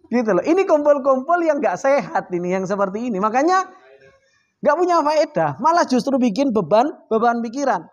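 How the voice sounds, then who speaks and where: Guy teaching a religious study group, chatty, keeps asking the crowd questions. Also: extremely high pitch. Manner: lively, asks the audience rhetorical questions; reads Arabic phrases then explains them. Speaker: Islamic teacher. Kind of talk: casual religious study talk.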